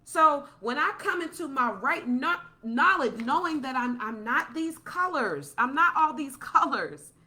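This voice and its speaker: Impassioned high, bright-voiced woman. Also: expressive, measured pace, few pauses. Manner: passionate, preachy, repeats for emphasis. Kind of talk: impassioned podcast monologue.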